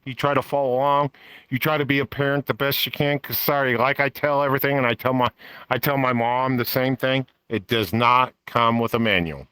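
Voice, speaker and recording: A man's voice: mid-range voice, fairly even intonation, a little fast, sharp tone, smooth, no echo, low-quality recording. A man in his fifties chatting casually in a rambling, folksy way, swearing now and then. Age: 50s. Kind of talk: casual chat. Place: virtual world voice chat.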